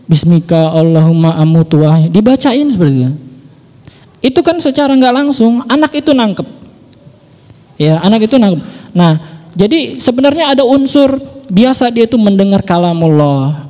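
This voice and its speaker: A man's voice: high voice, warm tone, long reverb tail. A man in his thirties, a parent guest on a radio show, giving earnest religious parenting advice, repeating his points and addressing the listeners directly. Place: radio studio.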